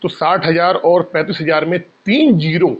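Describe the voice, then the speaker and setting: A man's voice: fairly high pitch, normal speed, muffled recording. Man teaching maths step by step. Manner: explains step by step, asks and answers his own questions; addresses students as bhaiya. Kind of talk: exam-prep maths lesson.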